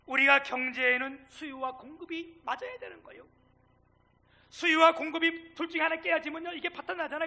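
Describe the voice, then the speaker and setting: A middle-aged male pastor preaching a sermon, animated, swinging between loud and hushed and acting out dialogue. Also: very high-pitched. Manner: acts out quoted dialogue.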